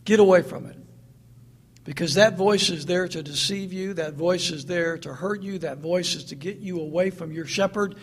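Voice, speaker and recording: A man's voice: high voice, normal speed, hardly any pauses, fairly bright tone, slightly rough. A man preaching a sermon in an earnest, emphatic way, repeating his points.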